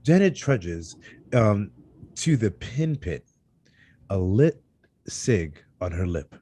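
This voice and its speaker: Stage directions from a screenplay are read aloud at a table read by a man whose voice is very low, husky, dark and mellow, yet lively in pitch. His delivery is slow. Now and then he trips on a word and goes back to fix it.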